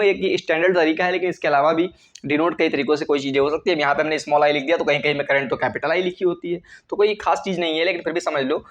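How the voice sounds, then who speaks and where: Male teacher, quick and fairly high-pitched, lo-fi classroom lecture sound, answers his own questions. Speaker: chemistry teacher.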